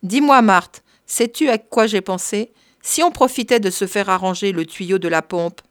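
A woman's voice: medium pitch, normal speed, dry recording, clean studio sound, close to an everyday voice. A woman voicing a fussy middle-aged male village priest who talks curtly and bossily. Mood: musing. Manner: curt, bossy.

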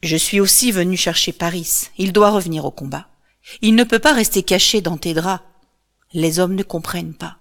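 A woman voicing a dutiful male warrior in a storybook reading, speaking softly and gravely. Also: on the low side, moderate pace. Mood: firm. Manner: soft, grave murmur with a joyful outburst. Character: Hector, a grown male Trojan warrior, devoted and dutiful.

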